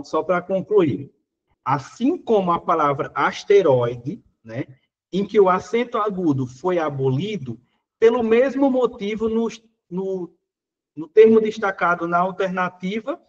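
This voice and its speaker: A man's voice: high-pitched, muffled recording. A Brazilian Portuguese man teaching, working through exam questions in a casual, conversational way, full of little fillers.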